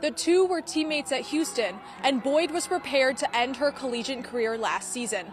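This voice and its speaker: A woman sideline reporter reading a scripted feature segment in a smooth, polished delivery. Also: high-pitched, moderate pace, music in the background.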